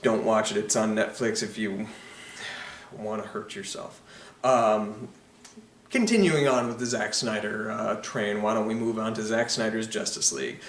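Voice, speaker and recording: Guy rambling about movies, lots of ums and restarts, kinda far from the mic in an echoey room. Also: mid-range voice. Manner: rambling with many fillers and restarts. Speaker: film reviewer. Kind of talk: casual opinionated film review. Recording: echoey room, mic at a distance, faint noise.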